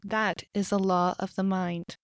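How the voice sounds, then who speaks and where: A woman hosting a podcast, leading a guided meditation in a calm, slow and measured voice with soft pauses. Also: mid-range voice, no room sound, clean studio sound. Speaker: podcast host.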